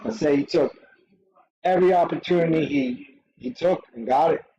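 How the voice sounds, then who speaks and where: A man hosting a live stream, reacting to a fight in short, excitable bursts and swearing freely. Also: a little high, moderate pace, dull audio. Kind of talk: casual live watch-along commentary.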